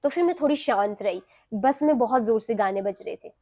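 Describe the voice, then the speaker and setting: A young adult woman from Himachal Pradesh, a guest on a talk show, telling a personal story in an animated way and acting out what others said. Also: fairly high pitch, brisk. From Himachal Pradesh, India. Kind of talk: recounting a personal story in an interview.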